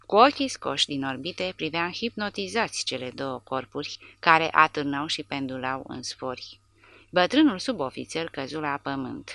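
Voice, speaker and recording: A woman narrating an audiobook in a measured, dramatic reading. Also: low voice, creaky, pushed and bright, no echo. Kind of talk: scripted narration.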